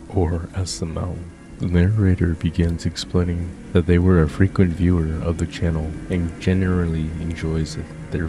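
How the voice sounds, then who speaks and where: A man reading scripted horror story narration as a YouTube narrator, in a steady, even retelling. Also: deep voice. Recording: music playing behind.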